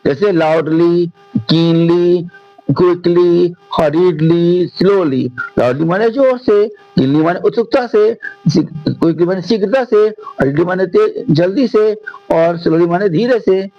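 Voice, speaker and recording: A man from India with a Hindi accent, teaching an English lesson in Hindi and reading the English lines out slowly. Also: high voice, no echo, dull audio, faint music behind. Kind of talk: classroom lesson explanation.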